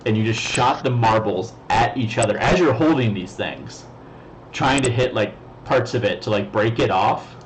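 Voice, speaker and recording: A man's voice: lowish voice, moderate pace. A man co-hosting a casual hobby stream, chatting in a laid-back, slangy way and laughing often. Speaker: co-host. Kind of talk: casual chat. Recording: dull lo-fi sound, faint noise.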